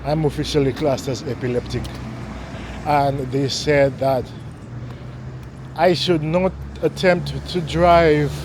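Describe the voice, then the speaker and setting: A man vlogging while he walks through a neighborhood at night, talking in a slow, halting way and repeating words as he goes. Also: on the high side, fairly even intonation, background noise. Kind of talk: casual walking vlog talk. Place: outdoors on a neighborhood street at night. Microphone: handheld camera mic while walking.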